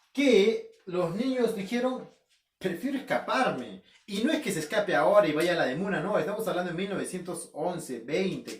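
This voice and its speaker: A man teaching a literature class in a casual, animated way, asking questions and answering them himself. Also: sits high. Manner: animated, asks and answers his own questions. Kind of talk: casual remote class lecture. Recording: echoey room, voice somewhat far from mic.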